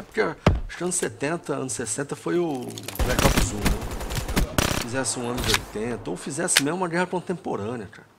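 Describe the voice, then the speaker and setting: Gravelly Brazilian man chatting over gameplay. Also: mid-range voice. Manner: conversational, rambling, slangy. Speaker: gaming commentator. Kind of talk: casual gameplay commentary. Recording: very noisy, clicking in background.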